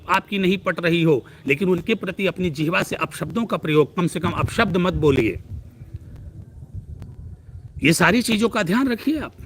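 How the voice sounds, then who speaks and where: Earnest male astrologer with a higher voice. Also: a bit bright, a little hiss or hum. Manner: earnest, preachy, piles up long lists. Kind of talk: live-stream astrology talk.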